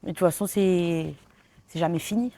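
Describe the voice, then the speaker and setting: A woman's voice: lowish voice, normal speed, mellow. A woman from La with a lisp that makes her s slushy, chatting informally as an interview guest and thinking aloud. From La Réunion. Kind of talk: casual chat.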